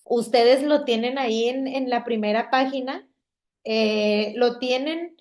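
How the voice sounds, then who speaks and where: A woman teacher with a Mexican Spanish accent, explaining a classroom lesson slowly and patiently, checking in with her students after nearly every sentence. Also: a little high, a little mellow. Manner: slow, patient, checks in with "¿ok?" constantly. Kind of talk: classroom lesson on spelling and stress. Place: classroom with projector screen.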